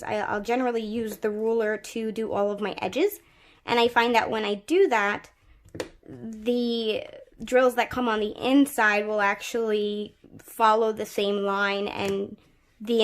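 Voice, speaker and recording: A woman hosting her craft channel, talking casually through a tutorial while she works with her hands, thinking aloud with fillers and restarts. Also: fairly high pitch.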